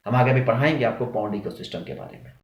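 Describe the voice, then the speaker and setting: A man teaching a lecture, who asks his students questions and answers them himself, with sharp rises and drops in pitch to stress his points. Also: quick pace. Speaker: zoology teacher. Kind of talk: classroom lecture. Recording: echoey room.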